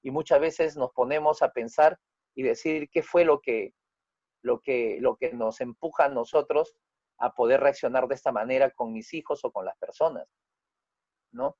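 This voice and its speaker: A man's voice: moderate pace, a little mellow, no echo, highs cut off. A man, a family therapist teaching a group lesson, who explains step by step, keeps checking with his listeners, and acts out quoted dialogue by raising his voice. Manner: acts out quoted dialogue with raised pitch and volume.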